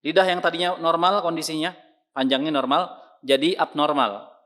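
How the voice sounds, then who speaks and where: A man teaching Quran recitation in an online lesson. He explains patiently and demonstrates each sound by repeating it loudly. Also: fairly high pitch, steady tone, normal speed.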